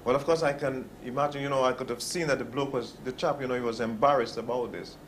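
A man's voice: mid-range voice, steady tone, quick pace, slight background noise. Man telling his story. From West Indies. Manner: rambling, repeats "you know" and "um", acts out quoted voices. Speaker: interviewee, bakery foreman. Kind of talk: casual storytelling in an interview.

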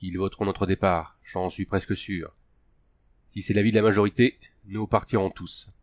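A man's voice: low-pitched, steady tone, normal speed, lightly acted. A man reading the lines of a principled male army colonel in an audiobook, with firm, earnest delivery. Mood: grave.

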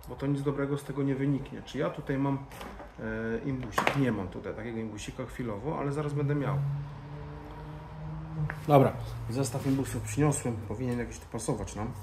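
Brisk and medium-pitched, this motorcycle vlogger's voice carries an informal hands-on tutorial, with frequent muttering to himself as he works. The recording comes from an indoor garage-bar lounge room with roomy echo and background noise.

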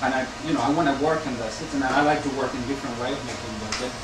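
Halting man on a panel. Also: mid-range voice. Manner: halting, many restarts and fillers. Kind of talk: panel discussion answer. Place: gallery bookshop room with audience. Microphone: far camera. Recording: echoey room from far off, loud air conditioning hum.

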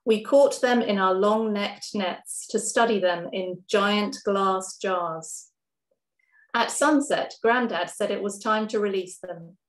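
A woman poet reads her own verse slowly and carefully, with a voice at an ordinary middle pitch. Between poems she slips into loose, chatty introductions with a few ums. The sound carries a noticeable room echo. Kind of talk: poetry reading. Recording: roomy echo.

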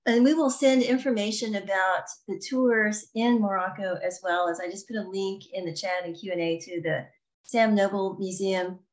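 A woman's voice: mid-range voice, steady tone, moderate pace. A woman moderating a webinar over video call, reading out questions and announcements.

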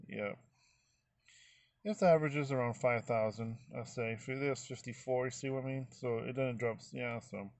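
A man's voice: mid-range voice, steady tone, normal speed, dry recording. A middle-aged man vlogging casually, walking viewers through his phone screen in a folksy, rambling way. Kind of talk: casual screen-recorded walkthrough.

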